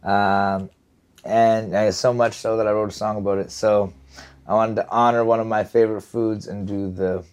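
A man's voice: fairly low pitch, little pitch movement, normal speed, a little mellow, smooth. Laid-back joking male co-host. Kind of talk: casual chat.

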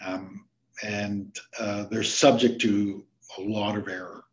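A man from Canada, a researcher guest on a podcast interview, who explains his work in a halting way with many fillers and restarts. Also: lowish voice, flat delivery. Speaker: plant disease researcher, guest.

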